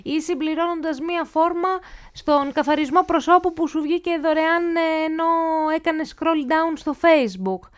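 A woman speaking as a cybersecurity expert guest in an interview, explaining risks through everyday examples. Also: very high voice.

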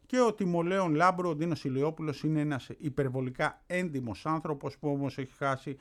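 A man hosting a radio show, chatting casually and introducing an old film. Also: fairly high pitch. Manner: chatty, lots of filler "έτσι". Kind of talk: casual chat, presenting a film clip.

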